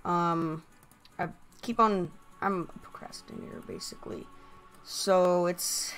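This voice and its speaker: Through a voice changer, a woman hosting gaming videos rambles casually over gameplay in a halting way, breaking into excited exclamations. Her voice is mid-range.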